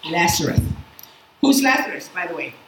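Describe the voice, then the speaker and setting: A woman teaching a Bible class in a casual, lively way, asking her students questions as she goes. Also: fairly low pitch, moderate pace. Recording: echoey room, faint background noise.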